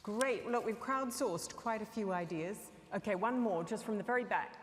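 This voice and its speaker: Brisk woman panel moderator, echoey conference hall sound. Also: mid-range voice. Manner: brisk, directing the microphone around. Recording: echoey hall with room noise.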